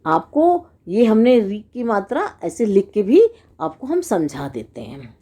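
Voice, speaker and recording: A woman's voice: mid-range voice, big pitch swings, a little slow, warm tone, breathy edge. A woman teacher with a Hindi accent explaining a lesson to children, asking questions and answering them herself as she sounds out syllables. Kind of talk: slow classroom explanation for children.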